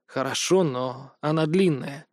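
A man playing a quiet, stubborn teenage boy. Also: a little high, a little slow, no echo, clean studio sound, natural voice. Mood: subdued. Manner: soft, subdued, defensive.

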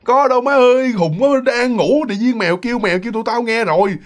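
A woman's voice: fairly low pitch, big pitch swings, quick pace. Guy doing a sleepy cranky girl roommate, whiny and scolding. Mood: annoyed. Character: sleepy, irritated young woman roommate.

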